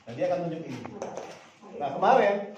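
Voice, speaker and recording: A man's voice: high-pitched, brisk, slight background noise. A man who teaches special-needs pupils, chatting casually with colleagues and acting out quoted dialogue as he tells stories. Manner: animated storytelling, acts out quoted dialogue. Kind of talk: casual chat among colleagues. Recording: echoey, distant, dull room recording.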